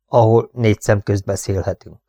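Egy férfi, aki egy indulatos, fenyegető öreg farmert szólaltat meg egy hangoskönyvben, parancsoló, nyers modorban. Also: male voice, on the low side, fairly even intonation, dark tone, no room sound, clean studio sound, natural voice. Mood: menacing. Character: old hot-tempered male rancher, threatening.

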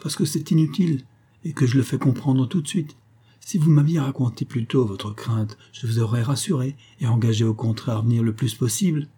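A man reading an audiobook voices a calm, indifferent young society woman who speaks lightly and teasingly. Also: mid-range voice, brisk, husky. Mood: detached.

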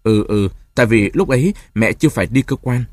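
A man voicing a calm, sardonic husband in his forties. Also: medium pitch, a little fast, no room sound, close to an everyday voice. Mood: gentle. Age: 40s. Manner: cool, mocking, then gentle with his child.

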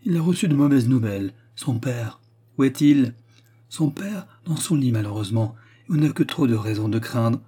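A man's voice: medium pitch, expressive, moderate pace, mellow, slightly rough. A man reading aloud voices a fussy village pastor's wife who laments in a flustered way. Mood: lamenting.

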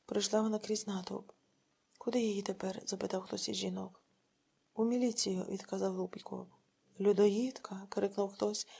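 A woman reading an audiobook in a measured, somber storytelling manner. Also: medium pitch, warm tone, slightly rough. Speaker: audiobook narrator. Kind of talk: scripted audiobook narration.

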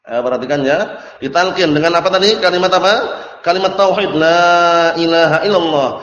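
A man's voice: on the high side, fairly quick, a bit bright. A man giving a religious study lecture, asking his audience questions and answering them himself, often checking that they understand. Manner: repeats phrases and checks understanding. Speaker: Islamic teacher. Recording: echoey hall, dull lo-fi sound.

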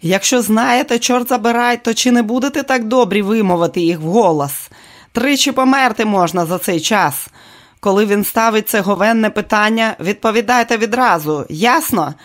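A reader voicing a bad-tempered male film director who shouts insults and orders on set, in an audiobook. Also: medium pitch, moderate pace, voice pushed up, natural voice. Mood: furious. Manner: yelling, insulting, impatient. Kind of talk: audiobook character voice.

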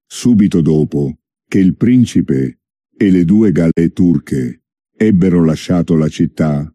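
A man reading a story as narrator, in a measured, deliberate way. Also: sits low, mellow, dry recording, clean studio sound.

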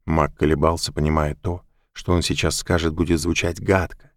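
A man narrating an audiobook in a measured, even storytelling manner. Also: very deep voice, no echo, clean studio sound. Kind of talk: scripted narration.

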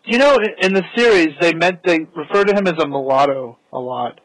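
A man's voice: on the high side, lively intonation, brisk, fairly bright tone, low-quality recording. A man hosting a casual podcast, chatting about a show while watching it and laughing at his own jokes. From United States. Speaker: podcast host.

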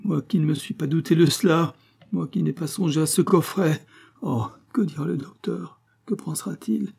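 A man's voice: mid-range voice, animated, moderate pace, husky, voice pushed up. A man voicing a frantic farmer father. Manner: anguished, loud outbursts. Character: desperate middle-aged male farmer, father.

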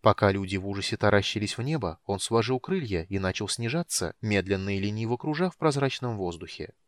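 Brief: male narrator for a fantasy audiobook, low voice, dry close studio sound, steady and measured. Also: no echo.

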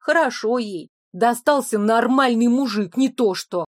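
A woman's voice: on the high side, no echo, studio quality. A woman voicing a defiant heroine. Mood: ranting. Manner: quick, sharp and defiant. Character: indignant young woman from another world.

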